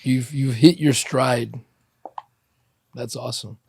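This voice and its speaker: A man's voice: mid-range voice, fairly even intonation, slow pace, gravelly, crowd noise. A man from Ukraine hosting a podcast, chatty and joking, often restarting his sentences. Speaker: podcast host. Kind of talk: casual interview chat.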